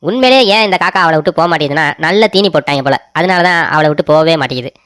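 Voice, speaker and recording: A man's voice: fairly high pitch, racing, a bit bright, natural voice. Man as a whiny devoted cartoon husband. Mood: grumbling. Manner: whiny, repetitive. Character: silly devoted husband, wailing.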